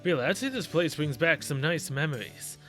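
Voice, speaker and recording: A man voicing a sardonic, world-weary male archer, speaking in a dry, mocking way, lower than his usual voice. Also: animated, normal speed, pushed and bright, soft background music. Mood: sarcastic.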